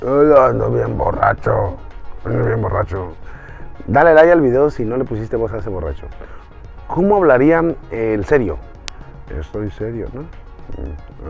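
A man gives a casual online voice-acting lesson, talking straight to the viewer. His pitch swings wildly as he demonstrates. The recording is dull and lo-fi, with faint music behind. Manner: animated, talks straight to the viewer, jumps between pitches. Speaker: voice-acting teacher, channel host.

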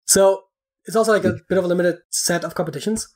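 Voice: medium pitch, steady tone, quick pace. A podcast guest in casual chat, explaining at length with many fillers and restarts.

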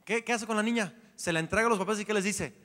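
Bright-voiced animated male preacher. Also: sits high, fast talker. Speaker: pastor. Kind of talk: sermon. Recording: long hall reverb.

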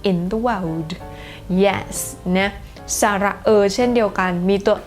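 A woman's voice: mid-range voice, level tone, a little slow, soft background music. A woman teaching English pronunciation in a casual lesson, repeating each word several times and switching between English and Thai explanations.

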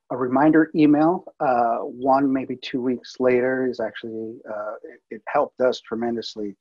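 A man's voice: mid-range voice, fairly even intonation, measured pace, highs cut off. A man presenting a workflow over slides in a webinar, talking casually with many fillers and restarts. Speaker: multimedia producer presenting.

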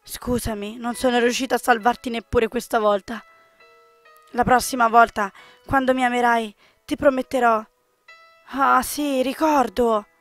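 A woman reading a visual novel's narration aloud, expressive, with small slips and restarts. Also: a little high, a little slow, soft background music.

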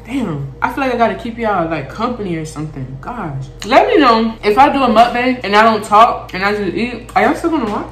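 A woman's voice: a little high, expressive, brisk, few pauses, fairly bright tone, faint music behind. A young woman from Florida chatting casually and frankly as she eats on camera, swearing freely and talking between bites. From Florida, USA. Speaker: mukbang vlogger. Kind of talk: casual chat while eating. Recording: echoey home room.

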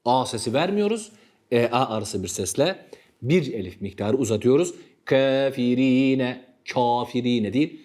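A man with a Turkish accent teaching Quran recitation rules, patiently repeating words slowly to demonstrate correct pronunciation. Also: medium pitch, big pitch swings, darkish tone, husky. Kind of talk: tajweed lesson.

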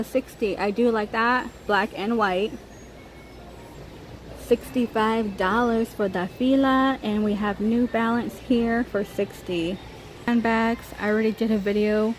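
An American woman's fairly high voice narrates a casual shopping vlog as she browses a large store, camera in hand. The recording is rough, though the surrounding store noise is clear.

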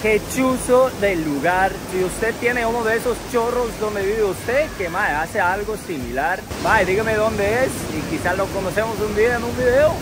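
A man's voice: high voice, moderate pace, few pauses, noisy background. A man, hosting a casual, enthusiastic travel vlog at arm's length, outdoors and in a car. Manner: enthusiastic, slangy, selfie-style narration. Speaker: vlogger host. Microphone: phone or camera at arm's length. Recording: background music.

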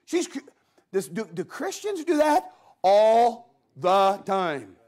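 A man's voice: high-pitched, big pitch swings, slow, a little mellow. A man preaching a folksy sermon in a church, telling stories and acting out the voices of people in them. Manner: folksy storytelling preacher, acts out voices of Bible figures. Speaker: guest preacher.

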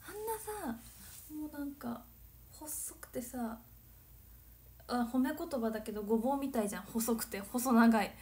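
A woman in her twenties from Nagano, chatting casually on a livestream, giggling and drifting into soft whispered asides. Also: fairly high pitch, animated, moderate pace, pauses often. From Nagano, Japan. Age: 20s. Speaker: livestream host. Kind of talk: casual chat reading viewer comments.

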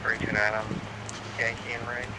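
Low monotone guy on the scanner radio calling plates, really noisy. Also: moderate pace. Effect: police scanner radio. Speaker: emergency responder on radio. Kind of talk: flat radio call-outs. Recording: radio static, loud background noise.

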